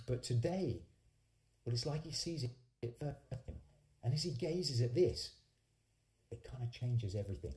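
Speaking a little slowly, this singer-songwriter in his forties has a medium-pitched, darkish voice with lively intonation. He hosts and tells casual stories between songs with hesitant phrasing that keeps restarting, recorded indoors in a small home studio via a stand-mounted condenser mic, the livestream sounding roomy and echoing.

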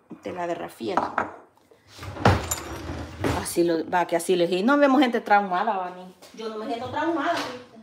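A Salvadoran woman chats and teases as she cooks, now and then calling out her dishes like a street vendor. Her voice sits a bit high. The kitchen is echoey, and dishes and pans clatter in the background. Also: heavy background noise. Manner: chatty, teasing, calls out dishes like a street vendor. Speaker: cooking show host. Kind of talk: casual cooking chat.

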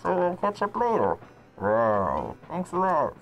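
A man's voice: high voice, huge pitch swings, unhurried, vocal fry, muffled recording, exaggerated voice. Man voicing a chummy chatty cat traveler. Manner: nosy, chummy small talk. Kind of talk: voicing game dialogue aloud.

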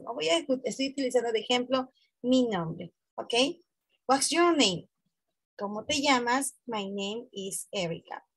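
A woman teaching English to school students, saying each phrase in English and then in Spanish and often checking in with a quick tag question. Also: a little high, breathy edge, no echo, low-quality recording. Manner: spells letters out slowly, one by one.

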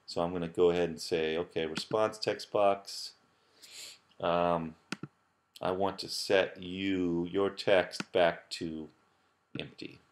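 A man's voice: low-pitched, fairly even intonation, slow pace, slight background noise. A male professor talking through an app-building screencast in a casual way, with many fillers and restarts. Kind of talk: screencast tutorial.

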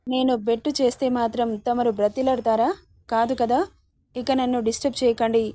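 A jealous young woman in love sulks and pouts, as a woman narrator voices her. Her voice is flat, a little high and mellow. She sounds close and dry, like a storybook reading. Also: a little fast, no echo, natural voice. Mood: sulky. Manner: sulky, pouting.

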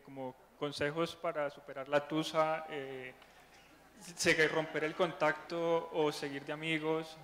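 A man's voice: a little high, a bit bright. A man, an audience member asking a panel a question, hesitant and listing options. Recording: echoey hall with long reverb and faint noise.

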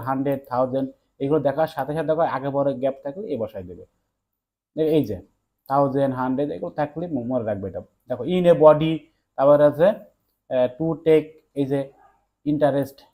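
A young man teaching an exam-prep English lesson, talking quickly to his students and telling them again and again to look at the board. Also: on the high side, mellow. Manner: rapid, repeats "look" to students.

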